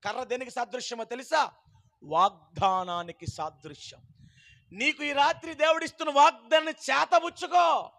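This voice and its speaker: A male pastor preaching a night prayer sermon, chanting lines and shouting hallelujahs, then dropping to quiet speech. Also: extremely high pitch, normal speed, gravelly. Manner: swings from loud exhortation to quiet speech.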